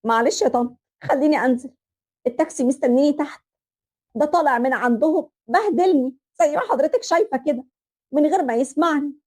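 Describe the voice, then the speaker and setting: A young wife who has had enough speaks politely and firmly in a high voice, as a woman storyteller plays her. She has an Egyptian accent. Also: quick pace, a little mellow, natural voice. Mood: resolute. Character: young wife, worn down and resolute.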